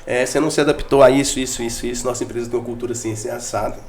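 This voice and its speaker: A man's voice: medium pitch, steady tone, racing, a little hiss or hum. A man, a podcast guest explaining ideas through family examples, acting out quoted voices. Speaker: guest, business speaker. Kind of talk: podcast interview storytelling.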